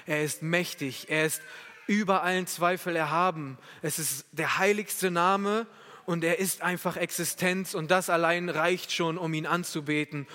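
A man's voice: a little high, pushed and bright. A male preacher giving a sermon, emphatic and speaking straight to his listeners. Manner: emphatic, addresses the listeners directly. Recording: echoey hall.

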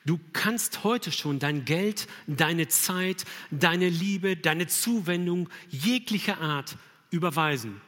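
A man's voice: fairly high pitch, lively intonation, takes it slowly, a bit bright. Earnest male preacher in a reverberant hall. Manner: earnest, emphatic preaching with rhetorical questions. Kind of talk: sermon.

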